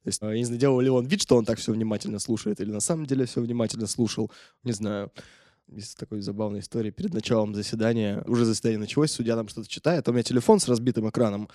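A man's voice: lowish voice, very fast, mellow, no room sound, clean studio sound. A man, a correspondent, recounting events in casual talk, hesitant with many filler sounds and restarts. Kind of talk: casual spoken recollection.

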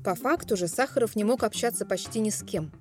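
A woman giving a measured, scripted documentary voice-over. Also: mid-range voice, music in the background. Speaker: documentary narrator. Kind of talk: scripted narration.

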